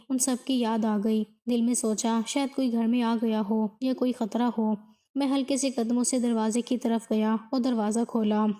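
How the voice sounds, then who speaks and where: A woman narrating a moral story in a scripted, even way, without fillers. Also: fairly high pitch.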